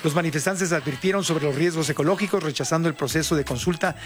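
A man's voice: fairly high pitch, quick pace. A man from Tijuana with a Mexican Spanish accent, hosting a chatty radio news show. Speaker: radio host.

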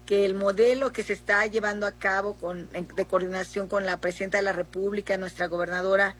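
A middle-aged Mexican woman senator answering in a political interview, speaking haltingly with many fillers and restarts. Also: mid-range voice, fairly even intonation, fairly bright tone, husky. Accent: Mexican Spanish.

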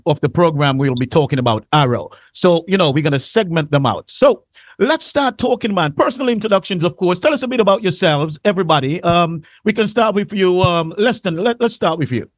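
Laid-back male host, higher voice. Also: dry recording. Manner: relaxed, calls guests "man". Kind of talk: casual talk show hosting.

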